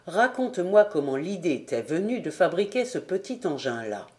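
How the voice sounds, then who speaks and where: A woman reading the part of a kindly older male factory director in an audiobook, speaking in a calm, paternal and reassuring way. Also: on the low side, moderate pace. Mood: fatherly. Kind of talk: audiobook character voice.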